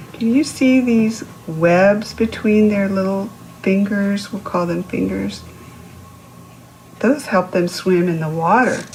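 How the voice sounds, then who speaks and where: This children's read-aloud host has a mid-range, slightly mellow voice as she reads a picture book to little ones. Her tone is instructive: she poses questions and explains vocabulary. Some faint background noise comes through on a low-quality recording.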